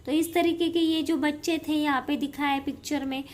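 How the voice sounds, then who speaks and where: A woman's voice: high voice, steady tone, moderate pace, darkish tone. A young woman teaching a school lesson, reading each textbook line aloud and then explaining it in simple words. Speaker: Sanskrit teacher.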